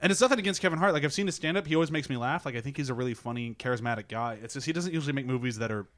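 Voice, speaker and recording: A man's voice: mid-range voice, racing, a bit bright. A man hosting a casual movie podcast, rambling with lots of filler words as he talks. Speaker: podcast host.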